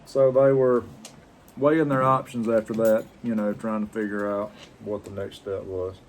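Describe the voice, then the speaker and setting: A man telling a personal story casually, in a plain-spoken, halting, reflective way. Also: lowish voice, level tone. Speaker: pipe-smoking vlogger.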